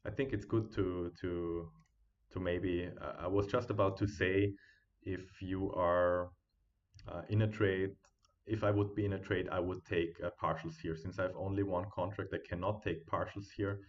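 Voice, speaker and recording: A man with a deep, low voice gives live trading commentary from home. He thinks aloud over the charts and chats easily with his viewers. His built-in computer mic makes him sound quiet and dull. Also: level tone, moderate pace. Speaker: day trading streamer.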